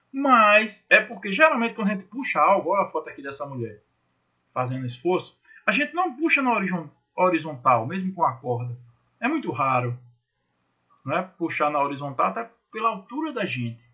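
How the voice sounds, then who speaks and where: A man with a Brazilian Portuguese accent teaches physics in a chatty, joking way. He repeats key points and voices students' questions himself. His voice sits high and swings widely, and the recording sounds a little muffled. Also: pushed and bright. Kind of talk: recorded online class.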